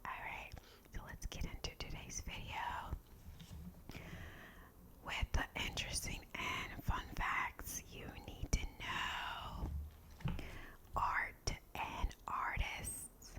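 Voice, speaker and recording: A woman whispering in a breathy, unvoiced ASMR style as she hosts and reads out short facts. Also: slow, pauses often. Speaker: ASMR video host.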